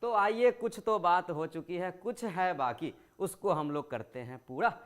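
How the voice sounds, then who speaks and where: High-voiced man teaching a grammar class. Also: a little slow. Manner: explains patiently, asks and answers his own questions; stretches words to show vowel length. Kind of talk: Hindi grammar lesson for school students.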